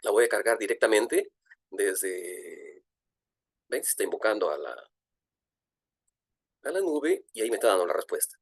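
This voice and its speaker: A middle-aged man, lecturing at a virtual conference, lively and full of fillers and restarts. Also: lowish voice, normal speed, long pauses, slightly rough, no echo, clean studio sound. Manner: animated, frequent fillers and restarts. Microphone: video call.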